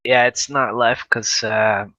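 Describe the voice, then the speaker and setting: A man's voice: mid-range voice, steady tone, slow, pushed and bright, a little hiss or hum, poor audio. A man co-commentating a video game match, laughing easily and hesitant with many ums and uhs. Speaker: esports co-commentator.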